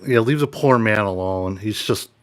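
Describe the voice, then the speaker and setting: A man hosting a podcast, telling stories in an animated way and swearing freely in casual chat. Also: on the low side, moderate pace. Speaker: podcast host.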